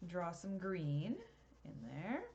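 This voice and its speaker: A woman giving a live colored pencil drawing tutorial over a webcam, chatty and quick to laugh at herself. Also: on the low side, sing-song, creaky, warm tone, lo-fi sound. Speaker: art teacher.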